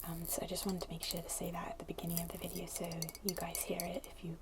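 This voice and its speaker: An ASMR creator at a wooden table indoors chats to viewers in a very soft, breathy near-whisper, casual and hesitant. Her voice is fairly low, monotone, and fast. Fingernails tap and scratch a glass bottle, laying clicky noise over her close voice.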